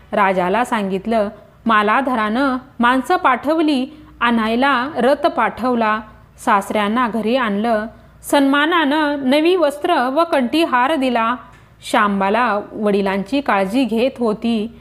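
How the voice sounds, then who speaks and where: Slow-reading woman storyteller. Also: fairly high pitch. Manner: measured, even storytelling.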